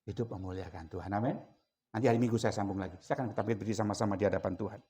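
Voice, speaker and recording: A male pastor preaching a sermon to a congregation, talking directly to his listeners and swinging between loud emphasis and hushed asides. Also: lowish voice, steady tone, racing. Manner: chatty, addresses listeners directly. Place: church service with a congregation present.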